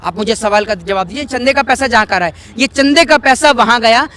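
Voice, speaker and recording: A man's voice: very high voice, brisk, pushed and bright. A young man speaking heatedly in a street interview, firing rhetorical questions and repeating them for emphasis. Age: young adult.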